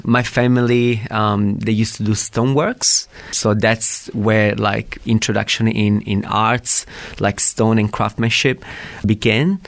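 A man in his thirties with an Italian accent, a guest telling his story in a studio interview, friendly and pausing to search for words. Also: on the low side, little pitch movement, vocal fry, no room sound. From Italy. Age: 30s. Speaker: guest, fashion designer. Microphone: studio microphone.

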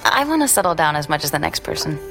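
A woman's voice: deep voice, very animated, quick pace, vocal fry, over music, exaggerated voice. An actress playing a friendly but evasive young woman in a radio drama, chatty with nervous little laughs.

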